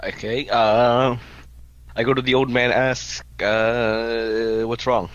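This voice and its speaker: A man chatting casually as a tabletop game player, hesitant, low-key and halting, on dull lo-fi audio. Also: flat delivery.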